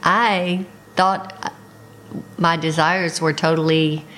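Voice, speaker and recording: A woman co-hosting a casual chat, warm and chatty, often chiming in with short affirmations. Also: low-pitched, steady tone, slow. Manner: chatty, adds short affirmations and finishes his sentences. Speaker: podcast co-host, former missionary.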